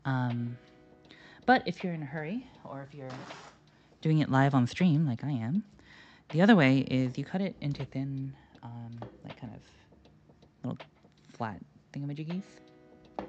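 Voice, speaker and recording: A woman's voice: extremely low pitch, lively intonation, normal speed, long pauses, darkish tone, slight background noise. A woman chatting casually while cooking on a live stream, rambling with lots of fillers and jokes. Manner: rambling, filler-heavy, jokey. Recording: slightly dull lo-fi sound with faint music.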